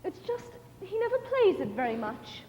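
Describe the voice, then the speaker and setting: A woman's voice: very high-pitched, very animated, moderate pace, darkish tone. A teen girl playing a prim, polite librarian. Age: teens. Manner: polite and hesitant. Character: prim young female librarian, polite and reserved. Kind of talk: high school musical theater acting. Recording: hall stage recording, dull with hiss.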